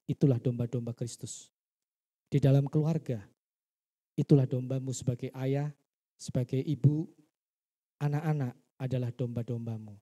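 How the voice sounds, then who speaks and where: Pastor guy giving a sermon, deep warm mellow tone, acts out the bible dialogue. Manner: questioning, teaching delivery that acts out quoted dialogue. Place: church.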